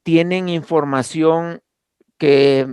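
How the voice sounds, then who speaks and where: A man's voice: fairly high pitch, steady tone, drawn-out words, darkish tone, clear, resonant tone, dry recording, clean studio sound. A man teaching an online Bible class, speaking hesitantly with many fillers and restarts.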